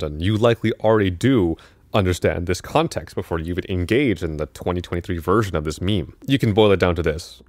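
A man with a low, deep voice talks through a video essay. He keeps it casual and chatty, breaking off for asides and correcting himself as he goes. The sound is dry and close, with no room around it. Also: no echo.

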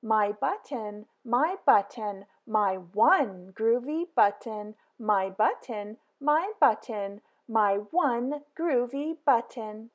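A woman reading a children's picture book aloud in a slow, sing-song way, with big excited exclamations. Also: a little high, dull audio. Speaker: storybook reader.

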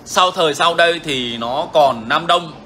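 A man's voice: on the high side, a little slow, sharp tone, slight background noise. A man hosting a bird-keeping channel, talking casually and frankly to viewers, repeating himself often. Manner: frank, repetitive, chatty.

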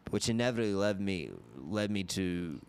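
Smooth-voiced man telling a story. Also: sits low, animated, normal speed. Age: 30s. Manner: rambling, many restarts and repeated words. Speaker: podcast guest. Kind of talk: casual storytelling. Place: podcast studio. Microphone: boom mic.

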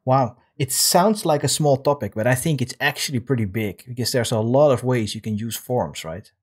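European man in his thirties, host, slightly husky voice, laid-back with lots of ums, home studio desk mic. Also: mid-range voice. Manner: relaxed, many um fillers, drawn-out questions. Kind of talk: casual interview. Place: home studio room with guitars on wall. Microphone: large desk microphone with headphones.

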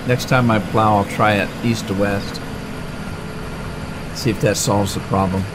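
Unhurried and steady, with a fairly low voice, a middle-aged man hosts a farming game let's-play for his gaming channel, rambling chattily with many fillers and restarts. Tractor and engine noise from the game is clearly present behind him.

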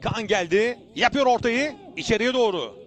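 A man commentating live on a football match in short, urgent phrases, excited and shouting at the big moments. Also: extremely high pitch, normal speed, a little hiss or hum.

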